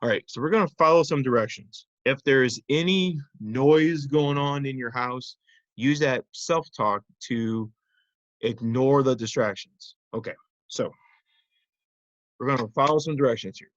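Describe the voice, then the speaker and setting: Male primary teacher, mid-pitched, simple instructive delivery with check-in questions, dry but slightly dull recording. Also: normal speed, dry recording. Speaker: teacher of young children. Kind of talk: simple interactive children's lesson.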